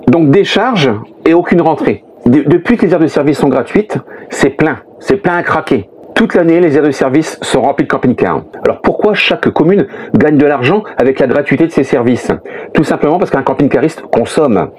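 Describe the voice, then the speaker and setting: A man's voice: on the high side, darkish tone. A French man, a middle-aged family vlogger, explains things step by step in casual talk full of "hein" and "euh". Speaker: vlogger, father of a motorhome-travelling family.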